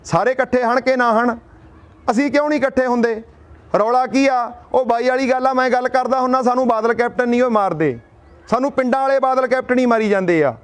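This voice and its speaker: A man's voice: very high voice, brisk. A young man addressing a gathering in a rousing speech, asking and answering his own rhetorical questions and telling a folk tale. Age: young adult.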